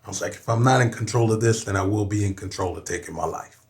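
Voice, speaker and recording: A man's voice: lowish voice, quick pace. Candid, profane man from Southern California. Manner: emphatic and profane, with frequent "you know what I'm saying". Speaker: podcast guest, rapper. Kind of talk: candid personal storytelling.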